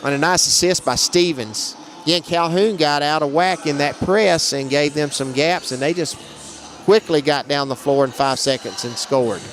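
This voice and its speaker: A man's voice: fairly high pitch, soft background music. Man calling a basketball game. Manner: brisk, matter-of-fact calls, raising his voice on big plays. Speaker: play-by-play announcer. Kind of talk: live basketball commentary.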